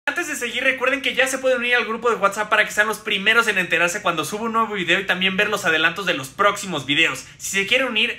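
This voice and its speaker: A young man with a Mexican accent tells a story to camera, sarcastic and exasperated. His voice sits high for a man, and faint music plays under it. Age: young adult. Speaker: youtuber. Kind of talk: casual storytelling vlog.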